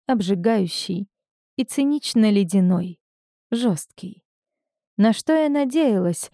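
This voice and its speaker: A woman reading a first-person novel aloud in a measured, intimate storytelling manner, recorded on a close studio mic. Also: medium pitch, warm tone, dry recording. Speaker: audiobook narrator. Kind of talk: first-person scripted narration.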